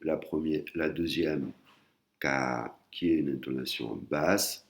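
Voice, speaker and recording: A man's voice: rumbling low, fairly even intonation, a little slow, a little hiss or hum. A man teaching a language lesson, patient and explanatory, often repeating and rephrasing himself. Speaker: Thai teacher.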